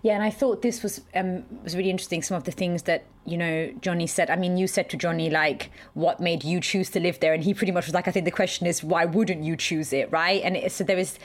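A woman's voice: fairly low pitch, fairly even intonation, fast, hardly any pauses. A woman from Denmark co-hosting a podcast, chatting and searching for words as she explains. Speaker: podcast co-host. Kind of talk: conversational discussion.

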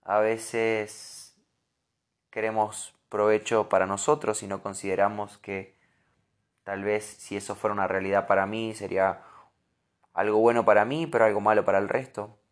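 A man with a Rioplatense Spanish accent giving an earnest, animated devotional sermon, sometimes restarting his words. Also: on the low side, moderate pace. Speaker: preacher.

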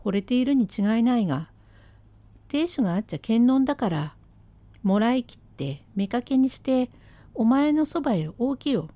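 A sharp-tongued Edo wife, voiced by a woman storyteller, scolding on and on in a fairly high but mellow voice. The sarcasm never lets up. The sound is dry and close, as in rakugo storytelling. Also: sing-song, moderate pace, no room sound. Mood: sarcastic.

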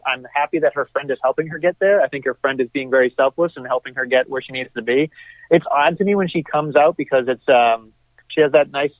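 Male podcast co-host, rapid casual chat, dry phone-like recording. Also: medium pitch, dry recording. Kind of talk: casual wrestling fan banter. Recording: tinny phone-like remote line, dry.

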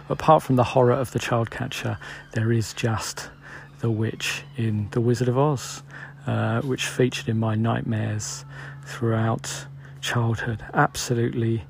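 A man's voice: mid-range voice, creaky, a little hiss or hum. A British man in his forties, host of a solo podcast, musing aloud in a loose, rambling way.

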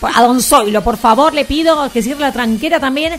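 A woman's voice: high-pitched, moderate pace, fairly bright tone, faint music behind. A woman hosting a casual community radio show, playful and laughing often. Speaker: radio host.

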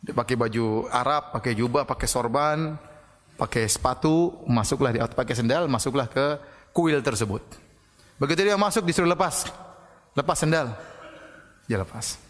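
A man preaching a sermon, telling a humorous story in a lively way, often adding "ya" and raising his voice loudly for effect, before an audience. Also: mid-range voice, moderate pace. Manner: lively storytelling, frequent tag "ya", loud bursts for effect. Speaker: Islamic preacher. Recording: reverberant hall sound.

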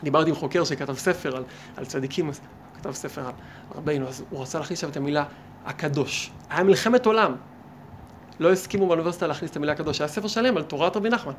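A man, a rabbi, giving a lively Torah lesson, firing rhetorical questions at his listeners and acting out imagined conversations. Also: on the high side, a little hiss or hum. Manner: animated, asks many rhetorical questions and acts out imagined dialogues. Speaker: rabbi teaching a class.

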